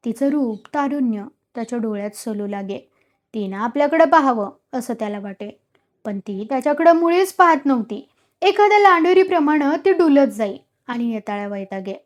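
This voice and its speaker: Female storyteller, high pitch, dramatic expressive story reading. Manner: dramatic, vivid narration.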